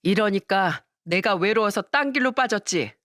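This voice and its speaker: A woman's voice: medium pitch, expressive, normal speed, fairly bright tone, no echo, clean studio sound, natural voice. Woman doing a sneering young daughter-in-law. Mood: scornful. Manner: sneering, snappish. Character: harsh, scornful young wife, a daughter-in-law.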